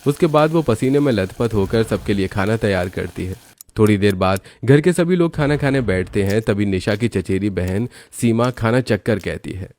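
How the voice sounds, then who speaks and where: Low-voiced man narrating a cartoon story. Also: normal speed. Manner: steady storytelling. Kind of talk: scripted narration.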